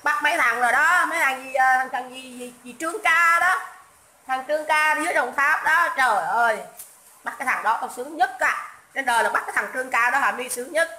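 A woman's voice: high voice, a little fast, pushed and bright, reverberant, poor audio. A woman, ranting on a livestream, mocking and scolding with insults and repetition. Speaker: livestream host. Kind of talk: political rant livestream.

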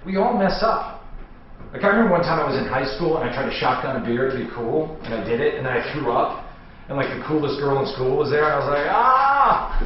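A man's voice: mid-range voice, fast talker, recorded from a distance, close to an everyday voice. Echoey, chummy American cop, played by a man. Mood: chummy, coaxing. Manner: buddy-like, rambling. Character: chummy male police interrogator coaxing a confession. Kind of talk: comedy sketch acting, casual banter. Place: small bare room indoors. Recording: echoey room, off-mic, faint noise, dull.

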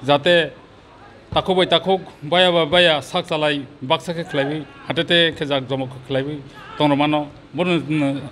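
A man's voice: on the high side, steady tone, fairly bright tone, slight background noise. Hesitant middle-aged man from Tripura. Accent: Kokborok. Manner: hesitant, many pauses and fillers. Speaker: sports committee president. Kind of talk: outdoor interview answers. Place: open pavilion beside a sports ground. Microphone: handheld mic held by interviewer.

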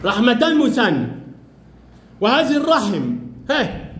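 High-voiced Egyptian male teacher, echoey classroom. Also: wildly swooping pitch, unhurried. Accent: Egyptian Arabic. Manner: questioning, coaxing pupils. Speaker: primary school teacher.

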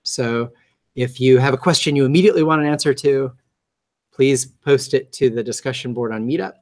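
A man hosting a meetup. His voice is high and nasal, and he talks in a chatty, joking way, restarting his sentences and filling pauses with ums. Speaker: meetup host. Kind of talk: casual talk to a group.

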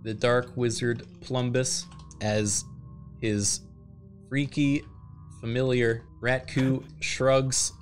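A man hosts a live-streamed adventure, reading out each scene at an unhurried crawl. His narration halts and stumbles as he laughs at the story's turns, with soft music running faintly behind him. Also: mid-range voice, little pitch movement. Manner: slow, halting narration broken by laughter.

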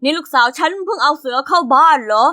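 An indulgent, overworked middle-aged father from an animated story, voiced low and unhurried by a woman narrator. He sounds easygoing and a bit worn out. The pitch sits well below the narrator's bright voice. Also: no room sound, studio quality, lightly acted. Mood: puzzled.

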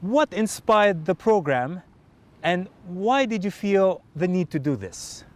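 A man's voice: high-pitched, expressive, takes it slowly. A middle-aged man from Fiji hosting a TV show, with a cheerful, welcoming delivery on a sunny beach. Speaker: host. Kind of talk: upbeat TV show presenting.

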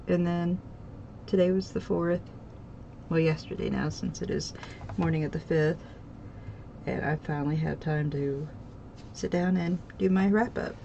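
A craft channel host chats casually at her indoor craft table at home, rambling through her stitching projects with plenty of ums and restarts. She sounds congested and a bit nasal, and her voice is on the low side, mellow, with vocal fry. The recording is muffled and carries a little hiss or hum.

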